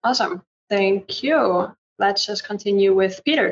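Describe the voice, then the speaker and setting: A woman's voice: medium pitch, moderate pace. A woman moderating a panel discussion over a video call, friendly and conversational. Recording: dull lo-fi sound.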